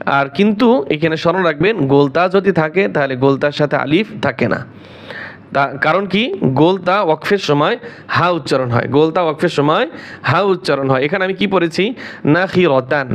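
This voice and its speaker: A man teaching Quran reading, spelling out syllables slowly and repeating each word. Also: fairly high pitch. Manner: slow, drawn-out syllable-by-syllable spelling with repetition. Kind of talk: spelling-out recitation lesson.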